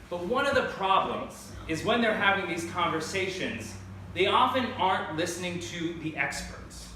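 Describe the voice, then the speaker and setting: A man in his thirties leading a youth workshop, talking in an energetic, playful, conversational way. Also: sits high, background noise. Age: 30s. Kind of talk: lively talk to a youth audience. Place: large echoey hall. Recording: echoey hall recorded from far off.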